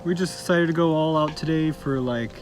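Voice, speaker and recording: A man with a fairly high voice chats as a vlog co-host. His phrasing is casual and informal, and some music plays behind him. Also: fairly quick. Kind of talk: casual couple vlog chat.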